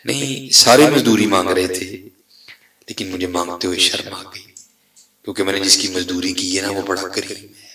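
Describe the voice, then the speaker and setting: A male preacher voicing a humble devout man who answers softly and meekly. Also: sits low, steady tone, roomy sound, far from the mic, rough recording. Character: humble devout man, meek and soft-spoken.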